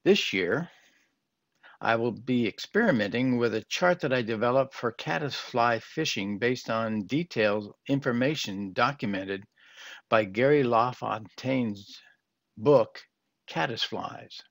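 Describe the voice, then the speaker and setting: A man's voice: mid-range voice, animated, unhurried, gravelly. Older man giving a plain, earnest lesson. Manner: plain, earnest, with some fillers and restarts. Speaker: fly fishing instructor. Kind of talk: instructional narration. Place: small home room with shelves.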